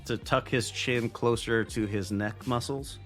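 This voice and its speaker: A man's voice: mid-range voice, fairly even intonation, unhurried, a bit bright, faint music behind. A man co-hosting a boxing podcast in loose, profane casual chat, laughing often. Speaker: podcast co-host.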